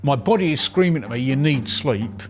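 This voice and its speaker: A man's voice: mid-range voice, animated, normal speed, over music. English man telling a personal story. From England. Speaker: contestant recounting a speed-talking contest. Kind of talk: anecdotal first-person storytelling.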